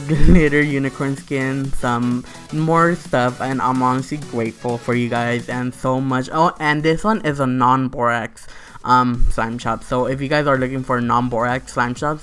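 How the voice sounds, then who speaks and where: A man with a mid-pitched voice does a casual product review voice-over. He gushes excitably and chattily, stacking up "super", "like" and "you guys". Faint music plays behind him. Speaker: slime shop reviewer, video host.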